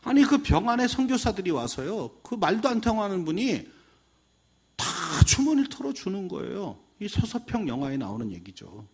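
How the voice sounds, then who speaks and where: A middle-aged male pastor gives a teacher training talk in a high, husky voice. His pitch swings widely as he acts out what children and teachers say. He moves easily between stories and teaching. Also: moderate pace. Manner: animated, acting out quoted voices of kids and teachers.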